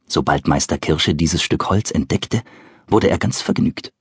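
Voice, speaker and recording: A man's voice: rumbling low, measured pace, slightly rough, no echo. A man narrating a children's storybook, speaking directly to young listeners in a playful way on a close mic. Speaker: audiobook narrator.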